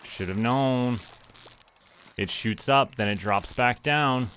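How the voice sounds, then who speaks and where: A Canadian man streams a game and chats casually, talking both to himself and to his viewers. His voice is medium-pitched, slow and a bit bright, with slight background noise.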